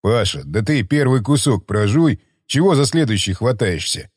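A man voicing an unflappable, blunt man who speaks in a low, deadpan way, in an audiobook. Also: normal speed, slightly rough, dry recording, studio quality, big-room sound.

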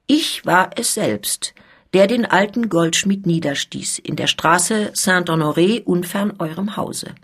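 A woman reading the part of a proud, soldierly male count who is a guard colonel, in a measured, emphatic manner. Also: lowish voice, animated, slightly rough.

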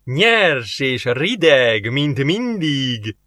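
A man voicing a scheming male alien diplomat in an audiobook, formal and calm, quoting rules. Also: medium pitch, dry recording. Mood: smug.

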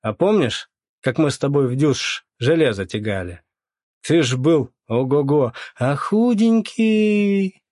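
Man doing a loud jovial police captain. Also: fairly high pitch, animated, slow, no room sound, clean studio sound, pitched above the performer's own voice. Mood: hearty. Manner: loud, back-slapping, crude banter. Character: boisterous burly traffic-police captain, jovial, male, middle-aged.

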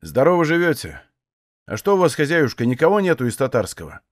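A man voicing a talkative, grumbling older Cossack man with rough folksy speech. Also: mid-range voice, big pitch swings, a little fast, no room sound, studio quality, natural voice.

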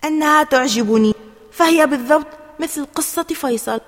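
A woman's voice: sits high, animated, brisk, fairly bright tone, pitched above the performer's own voice. Woman doing an eager, insecure schoolboy, raised voice, echoing. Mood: insistent. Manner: insistent, hesitant.

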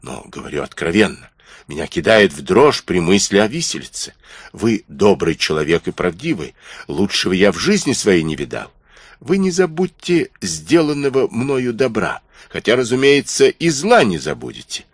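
Man narrating a scheming old pirate cook, deep voice, husky, persuasive, audiobook. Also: very animated, moderate pace, no room sound, clean studio sound, heavily acted. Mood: pleading. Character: crafty one-legged old male pirate cook.

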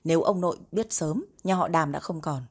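A woman's voice: low voice, brisk, husky. Woman voicing a cool, terse young CEO man. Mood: detached. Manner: calm, terse and detached. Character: cool, aloof young male CEO husband.

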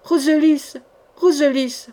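A woman reading the part of a frightened, wounded young mother in an audiobook, pleading and distraught, in a slightly high voice. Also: normal speed, darkish tone, lightly acted. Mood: frantic.

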